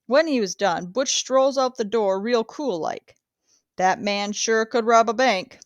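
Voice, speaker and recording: A woman's voice: fairly high pitch, a little slow, dry recording, studio quality, close to an everyday voice. A woman reading the part of a boastful old man of the American West who talks in a folksy way. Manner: folksy drawl.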